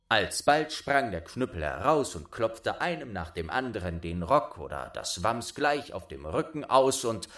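Slow, expressive male fairy tale reader. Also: mid-range voice. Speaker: storyteller.

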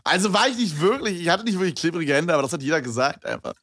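A man's voice: fairly high pitch, expressive, quick pace, a bit bright, a little hiss or hum. A young man from eastern Germany, co-hosting a podcast in slangy casual chat and laughing often. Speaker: podcast co-host.

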